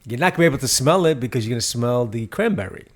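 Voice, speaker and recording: Middle-aged father, jokey and deliberate. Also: mid-range voice, lively intonation. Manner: jokey, deliberate, a bit stiff and scripted. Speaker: guest, host's father. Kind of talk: casual chat.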